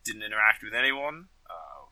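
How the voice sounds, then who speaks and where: A man's voice: on the low side, sing-song, moderate pace, bright, forceful tone, dry recording. A man co-hosting an improv comedy podcast, chatting casually and laughing at his own jokes. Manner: jokey, laughs often. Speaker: podcast co-host.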